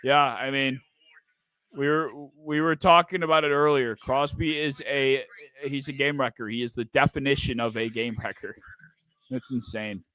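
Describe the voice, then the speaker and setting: A man hosting a live football watch-party stream, calling plays and reacting in an excitable, profane way. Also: medium pitch, normal speed, smooth, no echo.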